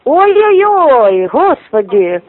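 A woman's voice: high-pitched, big pitch swings, slow pace. A woman answering a work phone, irritated and scolding callers. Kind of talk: phone conversation. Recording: tinny phone line.

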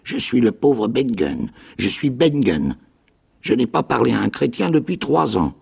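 An actor playing a ragged, half-mad old marooned pirate with a raspy, creaking voice, pleading and eager in a dramatic radio reading of a novel. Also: male voice, unhurried, full character voice. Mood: pitiful. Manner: high, pleading, eager voice with excited leaps.

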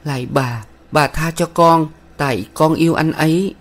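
A man's voice: fairly high pitch, moderate pace, voice pushed up, lightly acted. A man voicing a timid, tearful young village woman who pleads in a trembling voice in a read-aloud novel. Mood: pleading.

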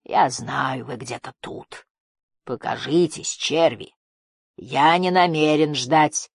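A reader voicing a giant, cruel male toad monster who speaks quietly, slowly and hoarsely with a hiss. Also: mid-range voice, dry recording, studio quality, full character voice. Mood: menacing. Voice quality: hoarse, hissing. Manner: quiet, slow and menacing.

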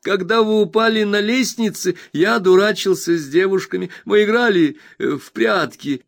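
A man voicing an excitable, warm-hearted young man in an audiobook, gushing out breathless exclamations of joy. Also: sits high, normal speed, gravelly, no echo, studio quality, voice pushed up. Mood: eager. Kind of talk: audiobook character voice.

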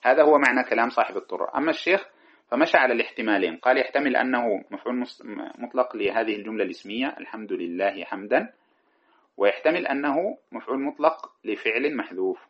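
Speaking fast and expressively at medium pitch, with a breathy edge, a man lectures through a classical grammar text one verse at a time. He chants the poetry he cites and corrects himself as he goes, captured on a dull lo-fi recording.

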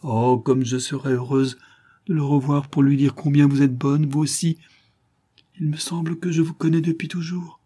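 A man voicing a gentle, sorrowful young mother who speaks softly and pleadingly. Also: fairly high pitch, little pitch movement, normal speed, pitched above the performer's own voice, close to an everyday voice. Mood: tender. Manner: soft, pleading, emotional.

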